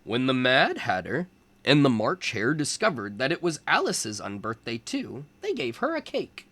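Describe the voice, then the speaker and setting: A male tutor reads a children's storybook in a measured, expressive way, telling the story at medium pitch.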